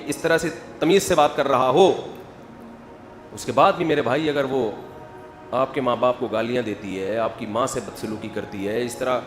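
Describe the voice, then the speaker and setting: Guy preaching w jokes, kinda high voice, big echo n a bit of music under it. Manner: animated, acts out quoted voices, builds to loud emphasis. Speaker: Islamic preacher. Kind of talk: humorous religious talk. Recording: echoey hall with faint music.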